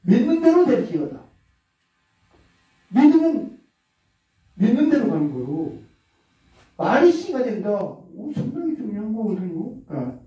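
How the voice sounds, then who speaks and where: Guy giving a talk, kinda high voice, far off the mic, muffled lo-fi sound. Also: big pitch swings, a little slow, long pauses, dark tone. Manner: explanatory, checks in with listeners, acts out example lines. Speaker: lecturer. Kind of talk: lecture on communication. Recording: very echoey, distant, dull lo-fi.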